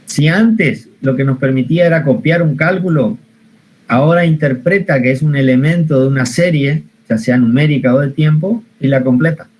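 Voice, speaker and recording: A man's voice: a little high, moderate pace, darkish tone, low-quality recording. Patient Argentine man teaching spreadsheets. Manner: patient, repeats steps, asks the class questions. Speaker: computer science teacher. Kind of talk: online spreadsheet lesson.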